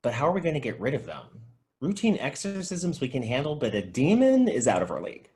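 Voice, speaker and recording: At a comedy table read, a man plays an excitable, idealistic, naive young video store clerk, earnest and dramatic. He talks fast in a mid-range voice and sounds worried.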